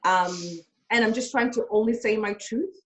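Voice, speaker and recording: A woman's voice: on the high side, rough recording. Candid woman on a panel. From Zimbabwe. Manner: measured, candid, a few "uh" pauses. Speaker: panelist, aerospace professional. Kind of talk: casual chat.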